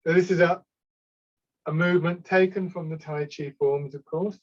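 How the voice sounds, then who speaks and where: Calm man teaching, higher-pitched voice. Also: moderate pace. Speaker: tai chi instructor. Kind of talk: instructional exercise cues. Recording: slightly dull, lo-fi sound.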